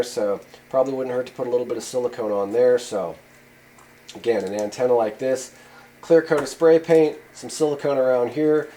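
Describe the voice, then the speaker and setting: A channel host shows off radio antennas at a workshop bench, his mid-range voice mellow. He rambles through the casual how-to, dropping plenty of "uh" and "you know."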